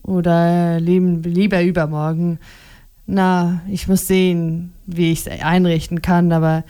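A woman reading a weary, downcast man in an audiobook, halting and repeating himself. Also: fairly low pitch, little pitch movement, warm tone, smooth, pitched below the performer's own voice, close to an everyday voice. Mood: dejected. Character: weary middle-aged man, downcast and hesitant.

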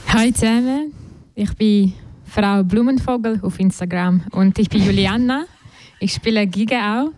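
A woman's voice: mid-range voice, a little slow, darkish tone. A young woman from Ukraine, a violinist guest on live radio, speaking German earnestly with slightly phrasing.

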